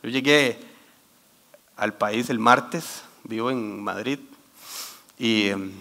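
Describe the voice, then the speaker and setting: A man giving a sermon talk, telling a lively story and quoting scripture while getting over a cold. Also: lowish voice, takes it slowly. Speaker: church youth speaker.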